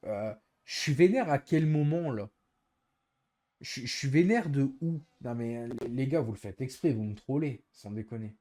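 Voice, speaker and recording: Male streamer, mellow voice, exasperated, repeating himself to chat. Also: medium pitch. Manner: exasperated, explaining himself over and over. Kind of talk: casual live-stream chat to viewers.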